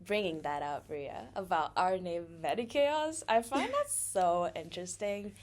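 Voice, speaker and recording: A woman's voice: lowish voice, big pitch swings, measured pace. A young woman from Thailand co-hosting a casual podcast, chatty and laughing often, with many fillers. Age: young adult. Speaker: podcast co-host.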